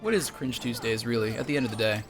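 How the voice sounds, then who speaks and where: A man's voice: mid-range voice, fast, over music. A man playing a video game and chatting with his co-host, mock-boastful and sarcastic in his jokes. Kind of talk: casual gameplay commentary.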